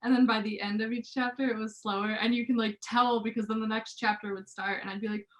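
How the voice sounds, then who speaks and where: A woman's voice: fairly high pitch, fairly even intonation, fast. Chatty young woman on a podcast. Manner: chatty, anecdotal. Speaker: guest. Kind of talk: casual podcast chat.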